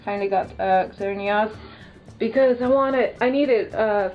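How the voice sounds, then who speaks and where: A woman's voice: medium pitch, unhurried, soft background music. A woman with a Dutch accent chatting casually and informally as a vlogger, in a rambling, giggly way, filming indoors on a handheld camera. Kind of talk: casual chat, showing a haul. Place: small bedroom, indoors. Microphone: handheld camera's built-in mic. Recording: muffled lo-fi handheld camera sound.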